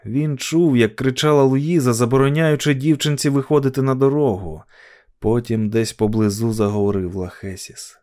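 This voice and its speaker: A man narrating an audiobook dramatically, dropping to a hush in tense passages. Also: mid-range voice, moderate pace.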